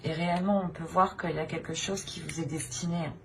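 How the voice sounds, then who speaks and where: A woman whose voice sits low yet sounds a bit bright speaks briskly and steadily, giving viewers of her tarot channel an unscripted reading. She hesitates, repeats phrases, and frequently adds "hein," with noticeable background noise behind her.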